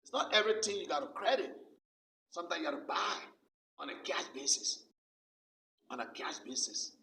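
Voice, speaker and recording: A man's voice: on the high side, big pitch swings, moderate pace, vocal fry, pushed and bright. A male pastor preaching a sermon with emphasis, repeating his key phrases over and over. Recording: roomy sound from a distant mic.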